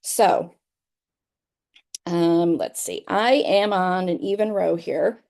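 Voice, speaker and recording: A woman's voice: fairly low pitch, steady tone, slow pace, vocal fry, a little mellow. A middle-aged woman teaching a crochet pattern in a casual, chatty way, often repeating herself and checking in with "okay?". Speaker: crochet instructor. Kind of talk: casual tutorial explanation.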